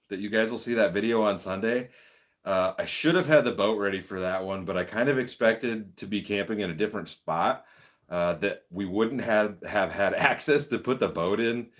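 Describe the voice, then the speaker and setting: A man hosting a casual live stream, reading viewer comments and chatting in a laid-back way, laughing often. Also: on the low side. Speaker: livestream host.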